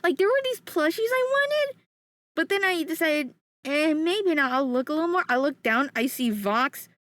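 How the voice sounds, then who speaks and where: A young woman streaming casually, excitable, often gasping and laughing, and swearing freely. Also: high voice, moderate pace, dry recording.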